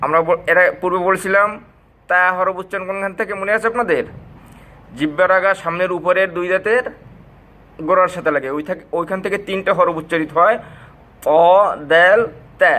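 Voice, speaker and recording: A man teaching Arabic letter pronunciation, repeating each sound slowly and stretching it out for his learners. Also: high voice, fairly even intonation, pushed and bright. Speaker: Quran recitation teacher. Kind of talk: slow, drilled pronunciation lesson.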